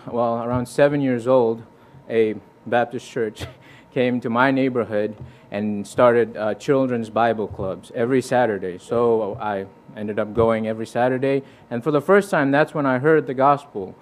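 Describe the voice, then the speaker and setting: Preaching as a visitor, a young man from Fiji weaves his own testimony into a sermon with an earnest, chatty tone, restarting often and citing scripture. He talks at normal speed, at medium pitch, with fairly even intonation.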